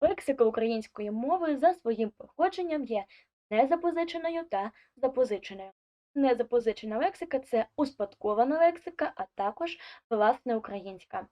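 A woman's voice: fairly high pitch, animated, warm tone. A woman teaching an online language lesson, reading scripted explanations and listing examples one by one. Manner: clear, deliberate listing of examples. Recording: dull lo-fi audio.

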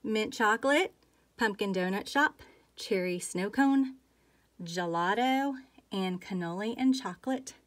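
A chatty woman runs through a long list, one item after another, with plenty of fillers. Her voice sits at an ordinary middle pitch, and she sounds a little out of breath. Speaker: candle collection vlogger. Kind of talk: casual chat, listing items.

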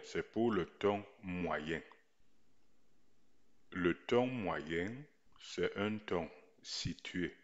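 A man teaching a writing lesson in a slow voice-over, repeating each point deliberately. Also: sits low, muffled recording. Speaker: language teacher.

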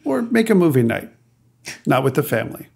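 Podcast co-host, male, gravelly voice, chatty and hesitant. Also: on the high side, very animated, fairly quick, darkish tone. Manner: chatty, hesitant, with restarts and laughs. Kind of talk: casual chat.

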